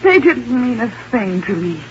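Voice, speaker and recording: A woman's voice: on the high side, sing-song, normal speed, music in the background. An actress playing a vain, aging society woman in an old-time radio drama, with fluttery, stammering, theatrical speech. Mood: flustered. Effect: old-time radio broadcast. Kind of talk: 1950s radio drama acting. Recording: muffled vintage radio broadcast with hiss.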